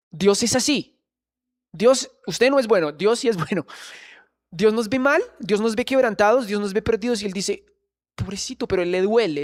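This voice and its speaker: A man preaching a sermon in church, earnestly questioning the congregation. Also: high voice.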